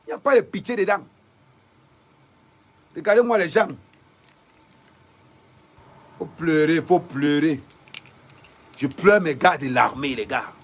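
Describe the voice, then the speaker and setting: A woman's voice: low voice, slightly rough. A woman from Cameroon, delivering a defiant, fiery political rant to viewers, repeating rhetorical questions.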